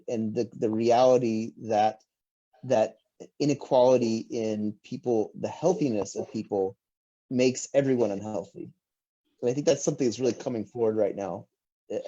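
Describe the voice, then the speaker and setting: A man's voice: fairly low pitch, fairly even intonation, moderate pace, warm tone, muffled recording. A man hosting a casual interview over a video call, speaking hesitantly and often restarting his phrases. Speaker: interview host.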